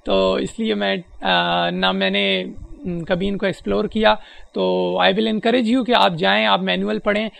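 A man walking through software settings step by step in a spoken tutorial, pausing often with hesitant fillers. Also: sits high, fairly even intonation, vocal fry. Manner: explains step by step with frequent hesitations. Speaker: presenter demonstrating a screen reader.

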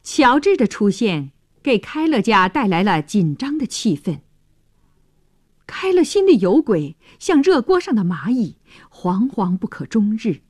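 A woman's voice: medium pitch, big pitch swings, unhurried, breathy edge, no echo. A woman telling a story on the radio, narrating expressively and dramatically in a studio.

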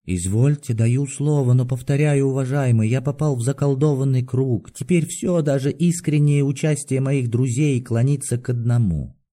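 A man reading an audiobook voices a distraught aging doctor who yells shrilly and sinks into bitter despair. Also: medium pitch, normal speed, lightly acted. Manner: shouting shrilly, then bitter and resigned.

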